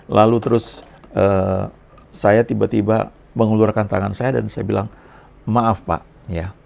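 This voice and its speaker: Casting: middle-aged male pastor with a very gravelly, fry-heavy voice, easygoing sermon storyteller. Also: on the low side, steady tone, measured pace, darkish tone. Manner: conversational storytelling, frequent "ya" tags. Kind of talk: sermon testimony.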